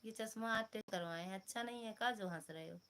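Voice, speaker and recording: A woman's voice: medium pitch, fast talker, fairly bright tone. A woman with an Awadhi accent chatting casually on a live stream from her phone at home, teasing viewers by name while she is feverish. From Uttar Pradesh, India. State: feverish, has a headache.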